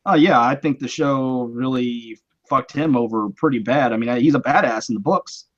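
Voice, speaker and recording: A man hosting a casual live chat, mid-pitched and talking things through in long, rambling explanations full of restarts. His voice comes through slightly muffled, like lo-fi stream audio. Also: normal speed. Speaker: host.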